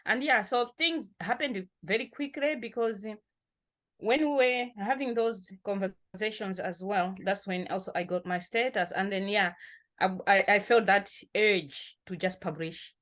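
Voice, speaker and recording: A woman's voice: medium pitch, a little slow. Malawian-born woman telling her story. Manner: warm, laughs often, repeats words while thinking. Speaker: poet and activist guest. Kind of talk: casual interview talk.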